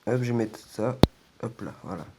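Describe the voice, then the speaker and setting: A gaming video host casually commentates on a video game, his medium-pitched voice animated and at normal speed over background noise. A sore throat leaves him sounding weak, congested, slightly croaky and strained.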